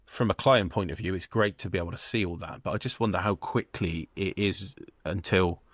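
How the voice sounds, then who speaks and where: A man with a British accent, a wedding photographer co-hosting a podcast, chats casually, upbeat and teasing, as he asks his co-host questions. His voice is low-pitched and fairly quick, in a dry recording.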